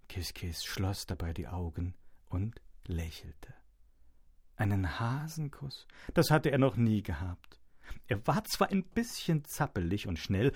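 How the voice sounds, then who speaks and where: Guy reading a kids bedtime story, real slow, swoopy lively delivery. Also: on the low side, husky. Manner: slow, soft, warmly expressive reading.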